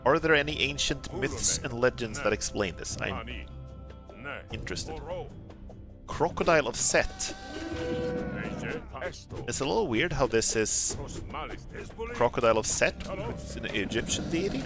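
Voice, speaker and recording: A man doing casual live gameplay commentary in an excitable, rambling, jokey way. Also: mid-range voice, measured pace, long pauses. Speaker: game streamer. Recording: game music behind the voice. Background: video game music.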